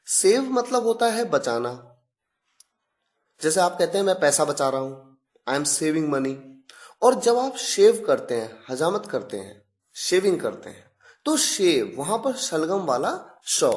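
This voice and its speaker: Slow, lilting female English tutor. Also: on the low side, darkish tone. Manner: slow, deliberate, spells words out letter by letter. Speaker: English pronunciation teacher. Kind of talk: scripted video lesson.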